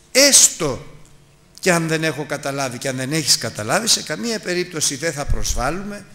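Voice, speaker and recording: A middle-aged male preacher teaching from the Bible. His voice sits a little high and sounds bright and forceful. His pitch swings widely as he moves from a homely story to a direct appeal. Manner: storytelling, then urgent exhortation to the congregation.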